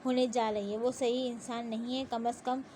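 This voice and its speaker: A woman reading the part of a gentle, confident young male police officer in an audio novel, speaking softly and persuasively. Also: very high-pitched, slight background noise. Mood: calm persuasive. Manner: soft-spoken, calm and persuasive.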